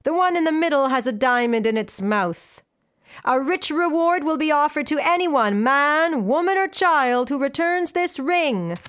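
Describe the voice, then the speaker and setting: A woman voicing a royal herald, calling out a proclamation in a slow, formal way. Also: sits high, animated, a bit bright, pitched above the performer's own voice. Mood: proclaiming.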